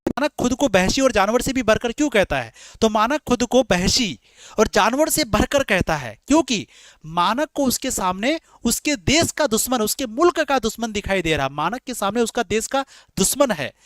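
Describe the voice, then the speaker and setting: A man's voice: sits high, expressive, moderate pace, fairly bright tone, no echo. A man teaching an online exam-prep class, repeating points and asking rhetorical questions to his dear students. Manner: repetitive, explains in rhetorical questions, calls students dear children.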